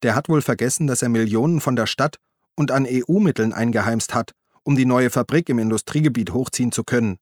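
A man voicing a gruff, irritated grown man in an audiobook, speaking curtly and grumbling. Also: mid-range voice, brisk, dry recording, clean studio sound, close to an everyday voice. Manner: curt, grumbling. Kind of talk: audiobook reading.

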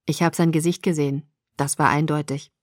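Woman doing a teenage boy, teasing, slow, self-assured, amused, storybook reading, dry close sound. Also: sits low, steady tone, darkish tone, no room sound, pitched below the performer's own voice, lightly acted.

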